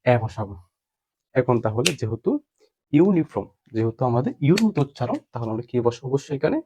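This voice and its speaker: A man's voice: mid-range voice, very animated, brisk, mellow, highs cut off, slight background noise. A man teaching a grammar lesson, asking questions and answering them himself.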